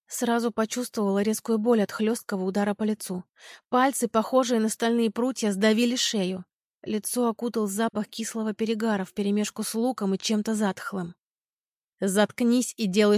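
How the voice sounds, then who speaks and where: A woman narrates a first-person audiobook in a tense, dramatic reading. Her voice sits somewhat high. The sound is close and dry, with no room echo. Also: a little mellow.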